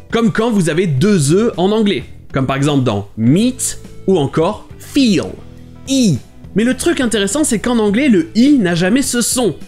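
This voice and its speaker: High-voiced guy from france doing a little language lesson, clear and methodical, faint music. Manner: clear, methodical explaining, with lively stress. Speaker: English teacher and host. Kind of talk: scripted video lesson.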